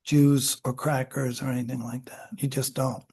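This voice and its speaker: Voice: medium pitch, little pitch movement, moderate pace, darkish tone, slightly rough. A psychology lecturer explaining child development to a class in a conversational, self-correcting way, acting out examples. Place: lecture room.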